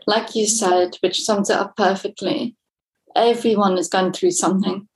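A woman's voice: mid-range voice, fairly even intonation, normal speed, darkish tone, slight background noise, rough recording. A woman interviewing a guest, giving brief, supportive affirmations and asking questions. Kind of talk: personal interview.

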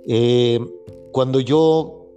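A man hosts a faith podcast in an earnest, rambling way, circling back and restarting his sentences. His voice sits at an ordinary middle pitch. Soft music plays faintly behind him. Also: fairly even intonation, drawn-out words, muffled recording. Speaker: podcast host. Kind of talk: casual faith-based podcast conversation.

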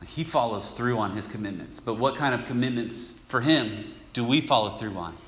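A man's voice: mid-range voice, lively intonation, normal speed, fairly bright tone. A man preaching a sermon as pastor, conversational and emphatic, with casual asides. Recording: echoey hall with long reverb.

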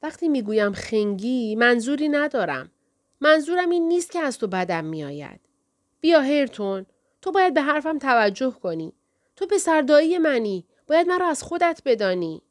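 A woman's voice: high voice, big pitch swings, no room sound, pitched above the performer's own voice. A woman voicing a proud, headstrong young woman who coaxes and insists, near tears. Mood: insistent. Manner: insistent, coaxing, close to tears.

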